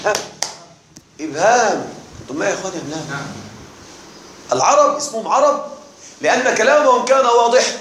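High-voiced man teaching in an echoey classroom. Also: fairly bright tone, a little hiss or hum. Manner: explains patiently, repeats key words and checks the class. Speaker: Arabic grammar teacher. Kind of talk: classroom lesson. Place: classroom with live students.

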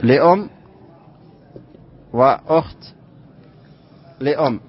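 A man teaching an Islamic inheritance lesson to students, reciting verse lines slowly and then explaining them and quizzing the class. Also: mid-range voice, slightly rough. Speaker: sheikh teaching inheritance law. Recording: dull lo-fi classroom recording.

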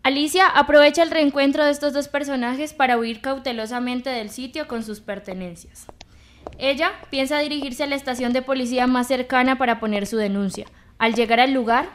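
A woman narrating an audio story in a measured, dramatic reading style. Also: high-pitched.

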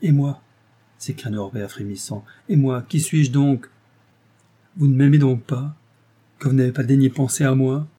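A man's voice: fairly low pitch, level tone, normal speed, hardly any pauses, dark tone, husky. A man voicing a passionate, jealous young nobleman who speaks vehemently, in an audiobook reading. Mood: wounded. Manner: impassioned, vehement.

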